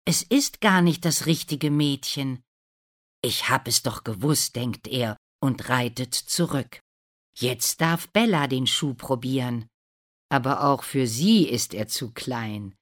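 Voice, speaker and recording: Slow-reading woman narrating a fairy tale. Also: very deep voice, animated. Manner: clear, deliberate reading.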